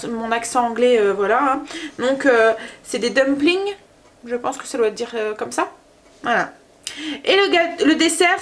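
A woman's voice: high voice, a bit bright. A woman chatting casually in a family cooking vlog, talking through her day and a recipe with frequent fillers. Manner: chatty, hesitant with many fillers and laughs. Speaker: family vlogger. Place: home kitchen.

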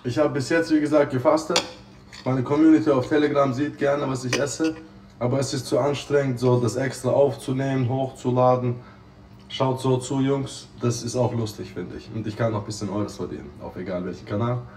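A man's voice: medium pitch, fairly even intonation, a little fast. A young man chatting casually on a livestream in effusive, exclamatory street slang with English interjections, recorded on a phone a step away indoors. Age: young adult. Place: small living room with kitchen, indoors. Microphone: phone propped up a step away. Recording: roomy sound, distant phone mic.

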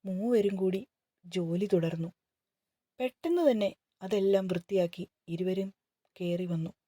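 A woman narrating a romantic novel in a calm, steady storytelling manner. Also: lowish voice, a little slow, dry recording.

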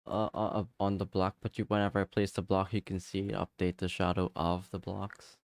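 A man chatting casually and playfully as he livestreams a game, rambling in halting bits and repeating his phrases. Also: sits low, level tone, creaky. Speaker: livestreamer, VTuber. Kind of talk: casual livestream chat while playing a block-building game.

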